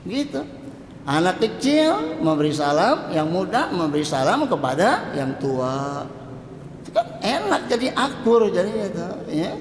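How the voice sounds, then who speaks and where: A man giving a conversational mosque lecture as a preacher, stretching out quoted greetings slowly. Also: wildly swooping pitch. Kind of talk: mosque dawn study lecture. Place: mosque hall. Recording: echoey mosque hall with faint rumble.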